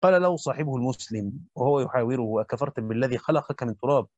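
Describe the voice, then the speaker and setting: Fast-reading Egyptian man teaching. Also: mid-range voice, lively intonation, darkish tone, no room sound. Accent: Egyptian Arabic. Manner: brisk reading with colloquial asides. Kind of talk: reading and explaining a classical text. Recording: dull lo-fi dry recording.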